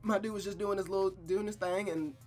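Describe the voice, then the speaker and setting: With soft music in the background, a man streams a visual novel in a high-pitched, brisk voice of fairly even intonation. He moves from narrated reading to casual, profane recap chat, slangy and exclamatory with emphatic repetition.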